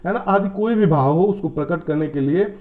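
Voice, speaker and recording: A man's voice: a little high, normal speed. A man teaching a grammar lesson step by step, often checking with his listeners and reading example sentences aloud. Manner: explains step by step, often asks "है ना?" and "क्या लग गया?"; reads out example sentences in a changed tone. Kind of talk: exam-prep grammar lesson. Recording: tinny phone-like audio.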